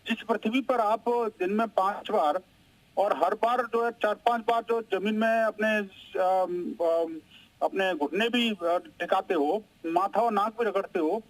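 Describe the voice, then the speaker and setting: High-voiced man arguing in a debate. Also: unhurried, poor audio. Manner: emphatic, interrupts others. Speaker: panel guest. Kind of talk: heated TV debate.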